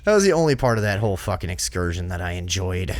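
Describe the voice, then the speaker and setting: A man's voice: low-pitched, fast talker, dry recording. A man co-hosting a podcast, swearing and acting out the people in his story as he tells it in casual chat. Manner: profane, animated retelling with quoted voices. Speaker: podcast co-host.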